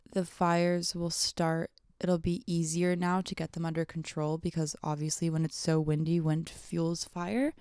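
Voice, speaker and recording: A young adult woman, hungover, chatting casually on her solo podcast in a halting, rambling way that often trails off, with vocal fry. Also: fairly low pitch, dark tone, no room sound, studio quality. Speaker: podcast host.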